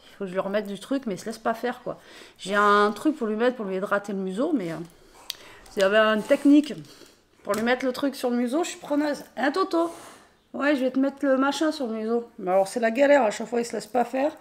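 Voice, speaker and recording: A woman with a hoarse, raspy voice chatting casually in a vlog, tired and rambling with many fillers. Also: mid-range voice. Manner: rambling, many fillers, talks to her pet. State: tired, worn out. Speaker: vlogger.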